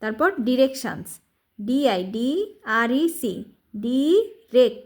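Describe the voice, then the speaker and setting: A woman with a fairly high voice works through a reading lesson slowly. She spells each word one letter at a time, asks herself how it is pronounced, and then gives the answer. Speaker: English reading tutor. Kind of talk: spelling and sounding out words for a lesson.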